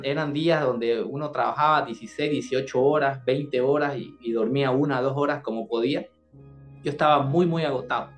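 A Bolivian-accented man with a somewhat high voice, recounting his own experience as an interview guest. He speaks earnestly and often repeats words and phrases. Faint music plays softly behind him. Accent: Bolivian Spanish. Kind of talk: first-person storytelling in an interview.

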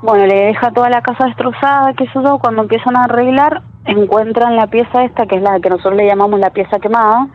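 A woman's voice: on the high side, steady tone, quick pace, hardly any pauses. A woman, a caller telling a true story in a chatty way with lots of tag questions. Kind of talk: casual storytelling. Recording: tinny phone line with faint noise.

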